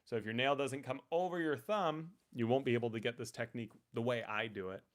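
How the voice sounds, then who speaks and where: A man teaching ukulele in a casual live-stream Q&A, relaxed and chatty, with lots of ums and restarts. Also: medium pitch, a little fast.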